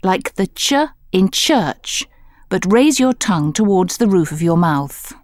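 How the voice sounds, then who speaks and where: A woman narrates a language course in a slightly low voice. Her delivery is scripted, clear and measured, as she gives instructions and explanations. The recording is dry. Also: lively intonation, no room sound.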